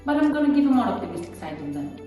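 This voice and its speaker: A woman's voice: a little high, big pitch swings, racing, dark tone. Young Greek woman, far off in a hall. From Ioannina, Greece. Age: 20s. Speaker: student. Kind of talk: prepared personal statement. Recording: echoey hall, far from mic. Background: faint background music.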